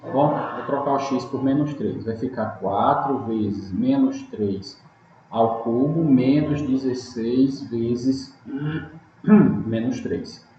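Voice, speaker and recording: A man's voice: medium pitch, takes it slowly, mellow. Patient male math teacher, echoey room. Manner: patient, step-by-step, often checks in with "tá bom?". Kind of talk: recorded online math lesson. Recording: echoey, dull, lightly noisy room audio.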